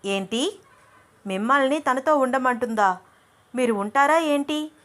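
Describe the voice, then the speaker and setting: A fiery young woman in love bristles with jealousy and snaps back in a high, indignant voice, as a woman narrator puts her on. She speaks sharply in an audio storybook, her pitch pushed up well above the narrator's own. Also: unhurried, fairly bright tone. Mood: jealous angry. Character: young woman, jealous, quick-tempered, lovestruck.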